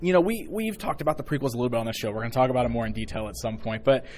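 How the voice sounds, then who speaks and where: A man in his thirties co-hosting a podcast, chatting in an excited, emotional way and laughing often. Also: mid-range voice, rapid-fire, a little hiss or hum. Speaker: podcast co-host. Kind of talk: casual chat.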